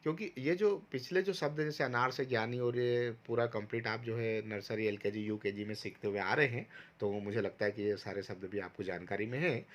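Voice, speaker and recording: A man teaching a recorded online lesson to first graders, patiently going step by step and sounding out syllables for pupils to repeat. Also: medium pitch. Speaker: primary school teacher.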